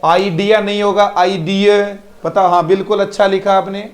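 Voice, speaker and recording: A man's voice: high-pitched, flat delivery, quick pace. A man teaching English pronunciation in a live online class with an Indian English accent, repeating each word and praising students by name.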